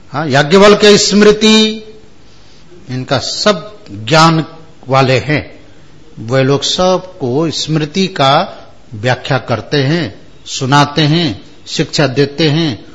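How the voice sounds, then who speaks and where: A man's voice: mid-range voice, fairly bright tone. A man giving a spiritual discourse, chanting verses and explaining them word by word, often checking with his listeners. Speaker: religious discourse speaker.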